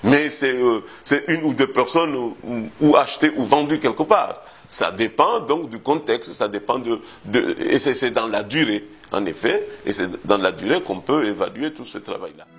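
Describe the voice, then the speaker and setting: Husky-voiced historian, halting and thoughtful. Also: male voice, medium pitch, expressive, fairly bright tone. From Comoros. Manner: measured, thoughtful, hesitates often with repeated words. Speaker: historian interviewed about his thesis. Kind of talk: interview answers.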